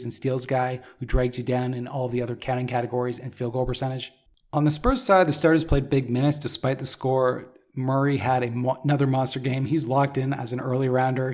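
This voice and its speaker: A man hosting a solo fantasy basketball podcast, running through stats and advice with occasional fillers, his voice worn and going hoarse. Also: mid-range voice, darkish tone. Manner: rapid stat-heavy analysis with occasional fillers. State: losing his voice. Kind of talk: solo podcast game recap.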